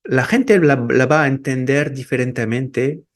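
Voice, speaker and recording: Brief: male interview guest, slow and deliberate, stumbling restarts, medium pitch. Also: lively intonation. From France and Peru, raised in Morocco. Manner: halting, with many restarts and repeated words. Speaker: osteopath and researcher, guest. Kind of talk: casual interview.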